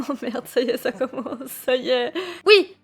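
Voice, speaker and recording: Give me an excitable young woman streamer with a very high voice, telling a story to her chat. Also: moderate pace, slightly rough, faint music behind. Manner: excitable, swearing, laughing, greeting chat mid-story.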